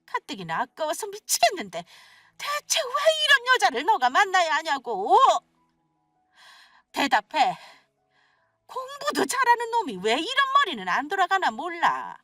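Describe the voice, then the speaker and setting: A woman voicing a shrill, scolding older mother-in-law in a radio story, with a nagging, accusing manner. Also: wildly swooping pitch, a little slow, sharp tone, no room sound, clean studio sound, far from the mic, faint music behind, exaggerated voice. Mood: furious. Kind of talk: scripted radio story acting.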